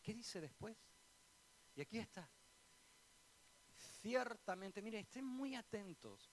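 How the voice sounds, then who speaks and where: A man with an Andalusian Spanish accent, a pastor preaching a sermon in church, swinging between loud bursts and quiet asides and asking the congregation direct questions. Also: medium pitch, a little hiss or hum, poor audio. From Spain.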